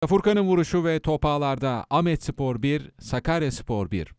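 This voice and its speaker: A male football commentator narrates match highlights. His voice sits a little high and rises for shots and goals. The sound is dry, with little room on it. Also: expressive, moderate pace, darkish tone, smooth, no room sound.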